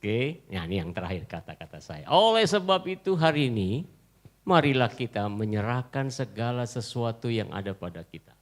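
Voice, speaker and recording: A man with a Manado accent preaching a church sermon, joking with the congregation and swinging from loud declarations to quiet asides. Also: mid-range voice, very animated, moderate pace. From Indonesia. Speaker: pastor. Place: church service.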